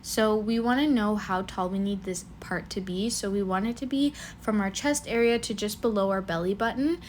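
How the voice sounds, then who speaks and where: Slightly stuffed up from a cold, a young woman talks her way through a relaxed knitting lesson, counting stitches out loud as she thinks. She speaks at a normal speed in a medium-pitched, somewhat mellow voice, and a bit of background noise is audible.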